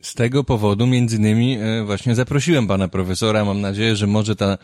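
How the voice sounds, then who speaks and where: A man's voice: on the low side, steady tone, fast, darkish tone, no room sound, studio quality. A man hosting an interview, asking questions casually and hesitantly, with many fillers. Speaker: interviewer, host. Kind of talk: interview conversation.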